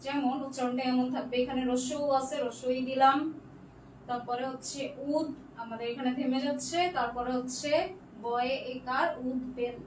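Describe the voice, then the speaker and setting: A woman's voice: high voice, level tone, normal speed. A young woman teaching a live online class. She reads out student comments and patiently checks their answers one by one, dropping in English words. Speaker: online tutor. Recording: echoey room, distant mic, faint noise.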